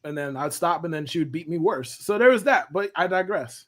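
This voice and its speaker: A man's voice: a little high, expressive, fairly quick. A man co-hosting a sports podcast, joking and boasting as he tells stories. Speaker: podcast co-host. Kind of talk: casual sports chat.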